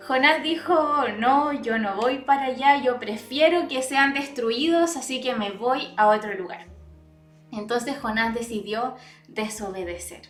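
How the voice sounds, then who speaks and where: A woman's voice: high voice, fairly bright tone, reverberant. A woman preaching a sermon, reading out comments and Bible verses, often checking in with the listeners. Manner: reads out online comments and Bible verses, asks "¿cierto?" often.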